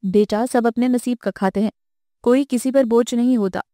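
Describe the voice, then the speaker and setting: Fussing older mother, read by a woman, high and mellow, dry close sound. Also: fairly even intonation, no echo, lightly acted. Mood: coaxing. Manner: fussing, coaxing. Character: older mother, anxious and scolding. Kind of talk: audiobook character voice.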